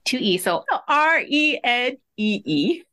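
Friendly woman guest on a podcast, kinda high voice, eager. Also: very animated, slow pace, pushed and bright. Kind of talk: casual chat.

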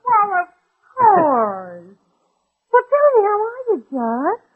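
A woman's voice: very high voice, wildly swooping pitch, takes it slowly, dry recording, exaggerated voice. An actress playing a caring but firm and anxious widowed mother in an old radio drama. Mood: warm, bright. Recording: muffled vintage radio recording.

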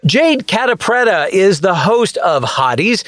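Peppy high-voiced male show host. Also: big pitch swings, a little slow, fairly bright tone, dry recording, clean studio sound, faint music behind. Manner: upbeat, playful promo delivery. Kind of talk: scripted TV recommendation presenting.

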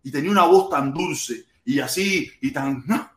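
A man with a Cuban accent hosting a live chat, playful and loud, repeating himself and bursting into shouts. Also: fairly high pitch, moderate pace, reverberant. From Cuba. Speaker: livestream host.

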